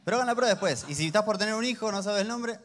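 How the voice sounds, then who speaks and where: A man's voice: sits high, very fast, a bit bright. A man, preaching a sermon in a conversational, humorous storytelling manner. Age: 30s. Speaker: pastor.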